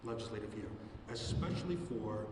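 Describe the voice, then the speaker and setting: A man's voice: lowish voice, expressive, moderate pace. A man from South Providence, a state representative, giving a speech at a press conference, with some hesitations and fillers. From South Providence, Rhode Island. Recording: echoey hall from far off with noise.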